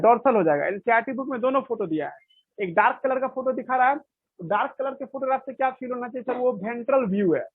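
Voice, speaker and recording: A man's voice: very high voice, husky, no echo. A male biology teacher giving a classroom lecture, explaining step by step and answering his own questions. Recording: dry, tinny phone-like sound.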